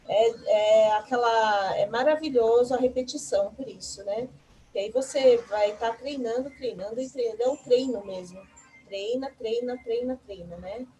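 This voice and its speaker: A woman guest on a live stream, a student talking about learning in an earnest, reflective and halting way. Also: on the high side, warm tone, slight background noise, poor audio.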